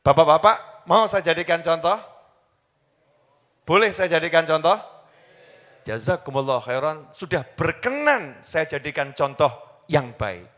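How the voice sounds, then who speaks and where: This preacher's voice runs a little high, with lively intonation and a fairly bright tone, unhurried and full of pauses. Addressing a live crowd, he preaches on Islam, poses questions, repeats key words, and weaves in Javanese phrases and chanted Arabic quotations. A long hall reverb surrounds him.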